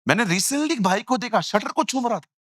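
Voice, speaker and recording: A man preaching a lively sermon in Hindi mixed with English phrases, telling stories and acting out the voices in them. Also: extremely high pitch, a little fast, no room sound, studio quality. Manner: animated storytelling, acts out quoted voices, jokey asides.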